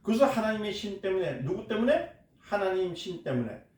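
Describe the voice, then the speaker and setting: Emphatic Korean pastor preaching in an echoey hall. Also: male voice, high-pitched, very animated, brisk, a little mellow. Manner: emphatic, asks the congregation questions and answers them. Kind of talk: sermon. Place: church hall.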